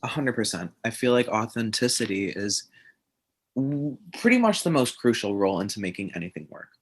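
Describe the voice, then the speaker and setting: A man's voice: fairly low pitch, big pitch swings, fairly quick, breathy edge. A man who is a guest on a casual podcast, rambling and searching for his words.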